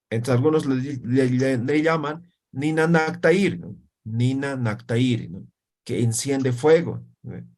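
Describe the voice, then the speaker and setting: A man, an Aymara speaker, teaching an Aymara language class and checking understanding with frequent tag questions. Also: mid-range voice. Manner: explains with constant "¿no ve?" tag questions. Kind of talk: classroom lesson.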